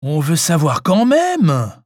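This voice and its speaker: A man reading an audiobook, voicing a mocking old man who drawls out his jokes slowly. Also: sits high, expressive, darkish tone, dry recording, clean studio sound, voice pushed up. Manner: slow, mocking.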